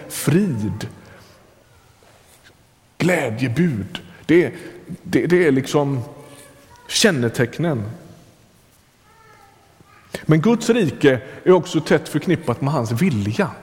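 A man's voice: medium pitch, darkish tone. A man preaching a sermon in a conversational way, speaking straight to the listener and often restarting his sentences. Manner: conversational, addresses listener directly, frequent restarts. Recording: long hall reverb.

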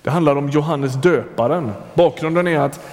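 A man's voice: on the high side, darkish tone. A man preaching a sermon in a conversational way, speaking straight to the listener and often restarting his sentences. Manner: conversational, addresses listener directly, frequent restarts. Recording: long hall reverb.

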